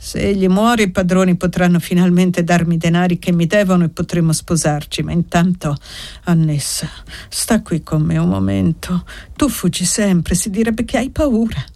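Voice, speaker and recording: A woman's voice: on the low side, moderate pace, warm tone, natural voice. A woman reading aloud and voicing a young male servant who talks in an insistent, pleading way.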